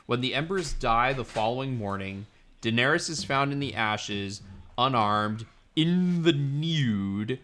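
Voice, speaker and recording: A man's voice: mid-range voice, moderate pace, sharp tone, a little hiss or hum. A man co-hosting a podcast, reading out episode summaries and rambling through his points with many restarts. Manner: rambling, self-correcting, reads summaries aloud. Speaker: podcast co-host. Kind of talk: casual chat, recapping episodes.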